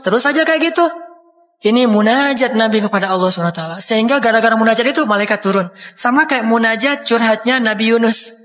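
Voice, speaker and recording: Male preacher, casual and expressive sermon storytelling, recorded in a reverberant hall. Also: very high-pitched, quick pace. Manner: casual Indonesian preaching with lively acted quotes.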